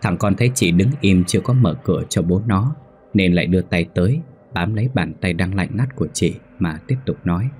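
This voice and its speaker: A man narrating a ghost story in a steady storytelling manner. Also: deep voice, brisk, breathy edge.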